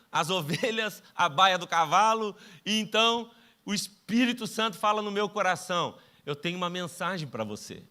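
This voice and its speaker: A man's voice: high-pitched, bright, forceful tone. A middle-aged Brazilian man preaching a sermon as pastor, telling stories with self-mocking humor and acting out the dialogues. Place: church stage.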